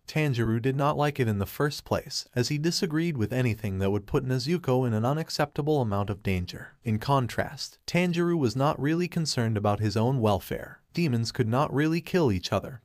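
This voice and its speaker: Steady male fan fiction narrator. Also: mid-range voice, no echo, studio quality. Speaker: story narrator.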